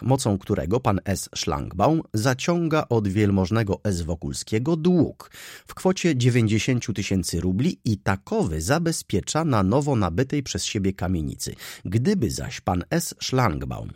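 A man's voice: on the low side, big pitch swings, normal speed, darkish tone, breathy edge, dry recording, clean studio sound, voice pushed up. A man reading an audiobook and voicing a jovial, self-satisfied lawyer who speaks in a formal manner. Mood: pompous. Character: jovial pompous middle-aged male lawyer.

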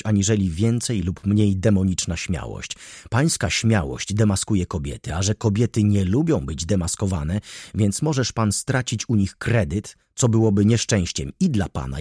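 A man reading an audiobook voices a tense middle-aged merchant who speaks low, clipped and grim. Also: dark tone, slightly rough, dry recording, clean studio sound, full character voice.

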